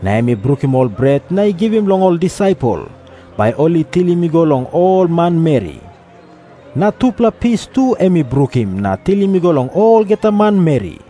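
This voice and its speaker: Mellow, high-voiced Papua New Guinean man narrating. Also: very animated, moderate pace, faint music behind. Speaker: scripture narrator. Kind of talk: scripted Bible narration in Tok Pisin.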